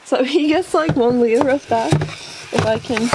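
Young woman, English speaker, vlogging casually on a handheld camera in a horse barn. Talks with a slightly high voice and plenty of fillers. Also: unhurried, heavy background noise. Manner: chatty, with many fillers. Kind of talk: casual vlog chat.

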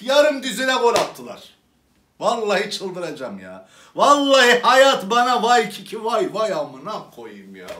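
A man's voice: high-pitched, fairly bright tone, recorded from a distance, pitched above the performer's own voice. A man playing a hot-tempered male club president who rants theatrically, swinging from sweet talk to fury. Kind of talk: comedy sketch monologue. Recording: roomy echo, away from the mic.

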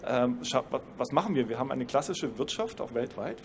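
This male university professor sounds animated and fairly quick on a trade fair panel stage, his mid-range voice somewhat creaky. He explains at length with dry, ironic asides, and the handheld mic picks up slight hiss or hum.

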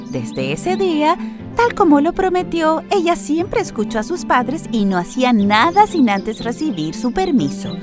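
Telling a scripted children's tale, a woman narrates expressively in a voice on the high side.

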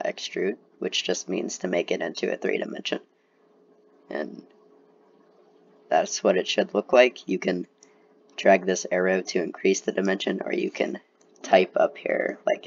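A man's voice: low voice, creaky, slightly rough. A young man who is a little sick, casually explaining a CAD tutorial over a screen recording, with lots of fillers. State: sick, slightly congested. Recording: dull, lo-fi voice recording.

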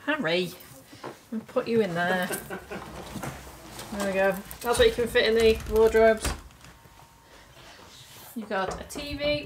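In a small hotel room and its bathroom, a British woman in her thirties vlogs about family travel, talking in a chatty, informal way to a handheld camera held at arm's length. Her voice is medium-pitched, and there's noticeable noise in the background.

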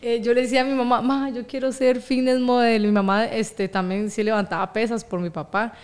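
A woman's voice: fairly high pitch, brisk, clear, resonant tone. Laughing young Costa Rican woman. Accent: Costa Rican Spanish. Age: young adult. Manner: animated, laughs often, acts out quoted voices. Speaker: guest, boxing champion. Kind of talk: casual interview storytelling.

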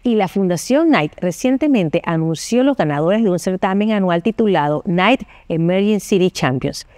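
News lady in her 40s reading from a studio desk, lowish mellow voice, calm and formal. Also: no room sound. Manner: measured, formal. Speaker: news anchor.

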